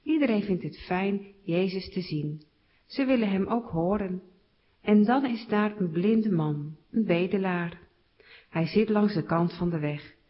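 A woman telling a Bible story to children in simple, clear words. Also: mid-range voice, measured pace. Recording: slightly dull recording.

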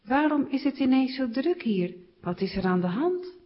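A woman voicing a blind male beggar who calls out loudly in a raised voice. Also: sing-song, normal speed. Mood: puzzled. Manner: crying out loudly, high-pitched. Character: blind male beggar, pleading then overjoyed. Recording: slightly dull recording.

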